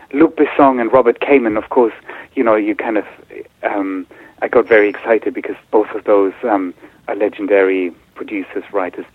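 A man's voice: mid-range voice, no echo. A man who grew up in Germany, a film director answering interview questions with many ums and restarts. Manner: hesitant, many fillers and restarts. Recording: tinny phone-like line.

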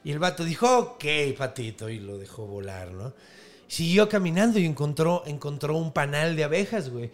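A man with a Mexican Spanish accent, casually retelling a folk tale as podcast host, slangy and animated. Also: on the high side. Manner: slangy, animated, quick asides.

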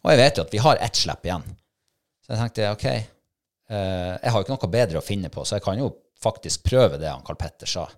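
A middle-aged man, telling a hunting-trial story in a casual chat and acting out his own thoughts and shouts. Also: fairly low pitch, lively intonation. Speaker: podcast co-host, hunting dog handler.

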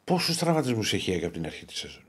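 A man's voice: on the low side, sing-song, slightly rough. A man co-hosting a casual podcast, chatty and asking questions. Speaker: co-host.

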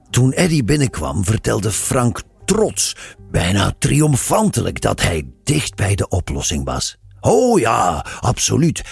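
Deep, gravelly male storyteller, expressive pitch, soft music bed. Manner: reflective, musing storytelling. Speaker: narrator. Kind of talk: scripted narration of a radio story.

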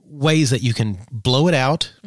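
A man's voice: medium pitch, slow pace, no room sound, clean studio sound. A man co-hosting a podcast in casual chat, with jokey, wry asides. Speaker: podcast co-host.

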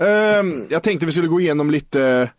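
A man's voice: on the high side, expressive, no room sound, clean studio sound. A man in casual podcast chat, dropping wry jokes. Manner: wry, joking interjections. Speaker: podcast co-host.

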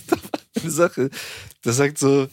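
A man's voice: medium pitch, slow pace, no echo, studio quality. A man casually telling a funny story on a podcast, acting out the people he quotes. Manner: animated storyteller, acts out quoted people, laughs often. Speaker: podcast host.

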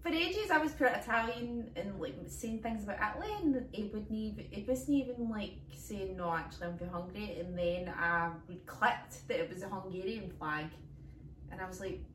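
A woman's voice: medium pitch, normal speed, fairly bright tone, recorded from a distance, slight background noise. A Scottish woman co-hosting a comedy podcast, telling rambling stories and laughing often, recorded on a phone. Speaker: podcast co-host. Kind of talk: casual comedic chat. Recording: echoey room, phone held off-mic.

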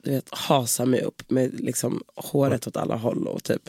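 A woman with a deep, dark voice telling an animated, profane story in casual chat and acting out the dialogue. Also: slightly rough, dry recording, clean studio sound. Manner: animated, swearing, acts out dialogue.

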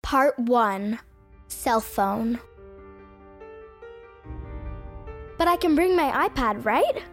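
A sulky, dramatic young girl, narrating her story in an audio drama. The voice is high, whiny and exasperated, with faint music behind it. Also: animated, takes it slowly. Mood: indignant. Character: sulky, dramatic homeschooled girl, phone-obsessed camper.

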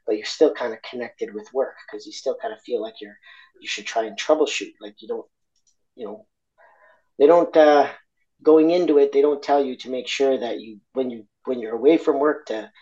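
An Argentine man talks candidly as a guest in an interview, reflective and halting, full of fillers and restarts. His voice is medium-pitched with a dark tone, and the audio sounds dull.

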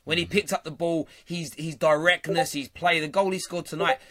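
A man's voice: on the high side, fairly even intonation, normal speed, sharp tone. A man hosting a football phone-in, chatting casually and teasing callers. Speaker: radio phone-in host.

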